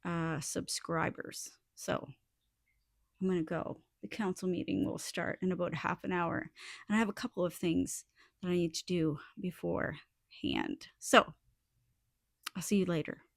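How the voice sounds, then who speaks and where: A woman's voice: fairly low pitch, fairly even intonation, gravelly, no echo. Casual woman vlogger, dry close sound. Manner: informal, halting, thinking aloud. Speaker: vlogger and small soap business owner. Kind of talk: casual chatty vlog talk to viewers. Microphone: small add-on phone microphone.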